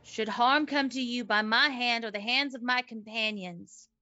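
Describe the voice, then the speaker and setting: A woman playing an earnest forest protector in a tabletop game, speaking in formal, measured, oath-like phrases. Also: a little high, sharp tone, muffled recording. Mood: solemn vow. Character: solemn, earnest forest protector pleading for peace. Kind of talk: tabletop game role-play.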